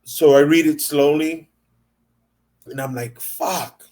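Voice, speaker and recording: Man, interview host, casual chat, enthusiastic, stammering, repeats words, slightly high voice. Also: steady tone, takes it slowly, darkish tone.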